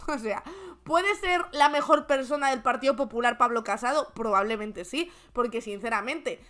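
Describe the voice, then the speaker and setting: A woman's voice: a little high, moderate pace, a bit bright, faint music behind. A woman from Spain with a Spain Spanish accent, hosting a streamed show and giving comic, mocking commentary on the news. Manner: sarcastic and mocking. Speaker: streamer host.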